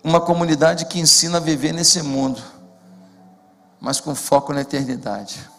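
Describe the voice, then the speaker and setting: A man preaching a sermon as pastor, impassioned and building to shouts. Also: a little high, steady tone, normal speed. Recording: long hall reverb with faint music.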